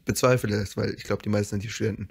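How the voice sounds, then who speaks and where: A man's voice: lowish voice, steady tone, very fast, vocal fry, slightly rough. Young man laughing through a story. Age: young adult. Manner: laughs often, acts out dialogue with swearing and slang. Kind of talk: casual storytelling chat among friends.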